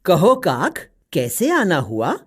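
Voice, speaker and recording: A woman voicing a patient old male parrot who teaches pronunciation slowly and carefully in a cartoon story. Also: on the low side, wildly swooping pitch, breathy edge, full character voice. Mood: kindly. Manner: slow, careful, spelling out each sound.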